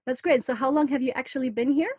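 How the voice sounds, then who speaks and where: A woman's voice: high-pitched, fast, a little mellow, slightly rough, no room sound. A woman from Iceland, hosting an interview with friendly, curious questions. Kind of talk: casual interview chat.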